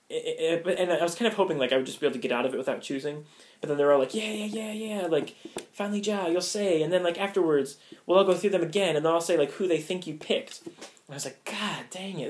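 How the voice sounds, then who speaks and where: A young American man telling a story casually, rambling with many fillers and frequent laughs. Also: a little high. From United States. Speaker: vlogger.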